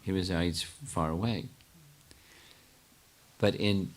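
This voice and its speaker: An older man, a spiritual teacher, answering questions in a lecture with a halting, thinking-aloud manner full of restarts. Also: deep voice.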